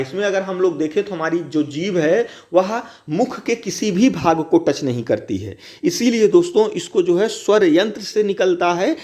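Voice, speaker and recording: Man, teacher, slightly high voice, exam-prep grammar lesson, repetitive step-by-step explaining, slowly sounded-out syllables. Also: a little mellow. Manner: explains step by step, repeats phrases, often addresses viewers as friends.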